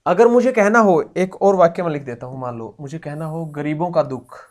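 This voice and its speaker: A man teaching grammar in an online lesson, explaining slowly, repeating key phrases and addressing the students warmly. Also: a little high.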